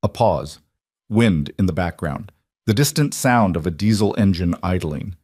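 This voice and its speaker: Male narrator with a low voice, measured and grave, dry close sound. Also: animated, darkish tone, breathy edge, no echo. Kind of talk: scripted dramatic narration.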